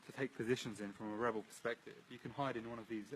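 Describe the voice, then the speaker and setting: A man's voice: mid-range voice, fairly even intonation, very fast, a little hiss or hum, low-quality recording. A man born in London to a Syrian family, earnestly explaining old ruined buildings outdoors as he walks a livestream through them, often repeating words. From British Syrian, born in London. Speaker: local guide. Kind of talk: casual walking chat on a livestream.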